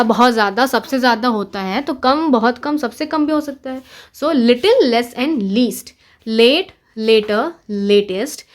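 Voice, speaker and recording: A woman teaching English grammar for exam prep in Hindi and English with an Indian accent. She spells words out letter by letter and keeps checking in with "ठीक है". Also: fairly high pitch.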